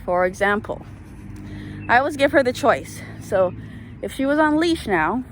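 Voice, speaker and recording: While walking her dog and handling it, a woman chats casually to the camera, offering training tips the way an owner would. Her fairly high voice is expressive and moves at a moderate pace. The handheld camera mic makes the recording noisy.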